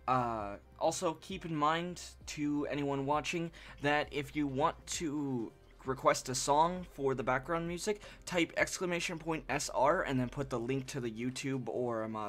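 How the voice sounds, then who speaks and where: A young art streamer with a mid-range voice chats casually on a live stream while drawing, sniffling from a stuffy, allergy-clogged nose. He rambles and halts with frequent restarts, sounding self-deprecating and apologetic over soft background music.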